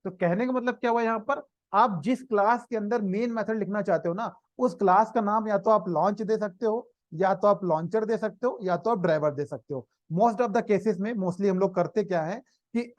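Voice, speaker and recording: A man with an Indian accent teaches a live programming class, switching between Hindi and English and checking in with his students. His voice is high and a little mellow, recorded dry, with the slightly dull sound of online class audio.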